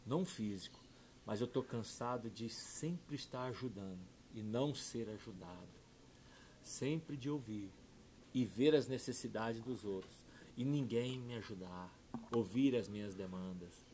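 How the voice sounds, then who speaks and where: A middle-aged pastor shares a heartfelt testimony in a conversational interview. His voice sits at an ordinary pitch and moves between hushed, low passages and loud, excited bursts. A faint noise runs under the recording. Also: measured pace. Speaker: pastor and podcast guest. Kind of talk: emotional personal testimony.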